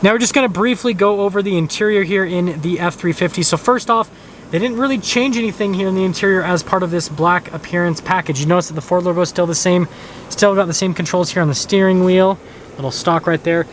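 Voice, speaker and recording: A higher-pitched man rattles through the features of a pickup in a casual walkaround review. His delivery is brisk and upbeat, with a faint outdoor hum behind him. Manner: quick, upbeat feature rundown. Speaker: car reviewer. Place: outdoors and inside a truck.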